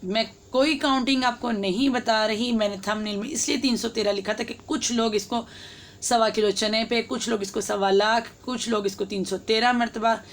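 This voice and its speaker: A woman giving earnest devotional advice, urging listeners on and slowing down to spell out words. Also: on the high side, fairly even intonation, a little hiss or hum. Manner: urging and reassuring, slows to spell out recitation. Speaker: religious YouTube host.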